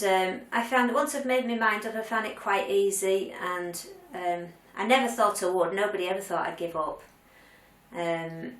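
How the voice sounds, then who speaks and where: An older woman chats candidly to camera in her weekly vlog, with frequent ums and restarts. Her mid-range voice has a fairly bright tone. The sound is roomy, with the mic set at a distance.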